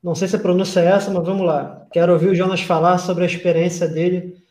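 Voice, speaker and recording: An upbeat Brazilian man hosts a casual live chat, greeting viewers and passing along their questions. His voice is pitched a little high for a man, and it rings in a roomy, echoey space. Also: level tone, fast, a little mellow. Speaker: interview host reading viewer questions. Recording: roomy echo.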